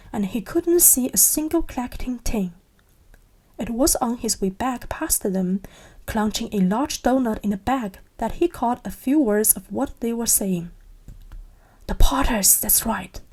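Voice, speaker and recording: A young woman reading a novel aloud in a soft ASMR style, hushed and partly whispered. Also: a little high, slightly rough, low-quality recording. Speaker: narrator.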